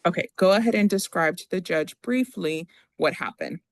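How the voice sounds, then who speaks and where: This is a formal courtroom exchange: the attorney reads requests and puts questions to a witness in a stop-start, procedural fashion. The voice is medium in pitch, with no echo present.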